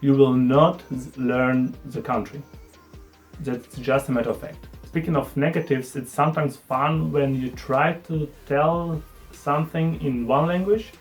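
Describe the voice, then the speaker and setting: With a steady tone and an unhurried pace, a young man with a medium-pitched voice chats to camera in his vlog, soft music in the background. He's a native Ukrainian speaker with an accent, and he's warm and self-deprecating.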